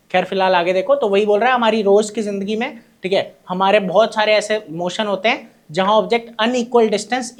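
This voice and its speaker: In a classroom lecture, a male teacher whose voice sits high poses short questions to his students and then answers them on his own. He refers to them affectionately as his children.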